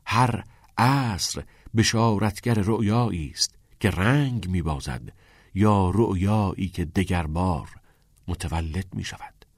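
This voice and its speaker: Man narrating earnest schoolboy, steady low recital, dry close sound. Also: slightly rough, no room sound. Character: earnest teenage schoolboy reading verse, Cameron.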